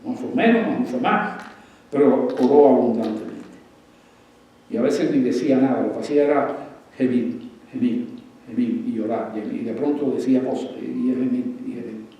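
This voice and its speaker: A male pastor delivering a sermon, asking the congregation questions and swinging between loud passages and hushed ones. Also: mid-range voice, moderate pace, muffled recording. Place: church sanctuary. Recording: echoey room, voice from a distance.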